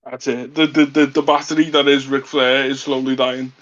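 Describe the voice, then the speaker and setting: A man's voice: medium pitch, little pitch movement, normal speed, a bit bright, highs cut off, a little hiss or hum. A man hosting a podcast in a casual, conversational style. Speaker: podcast host. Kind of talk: casual chat.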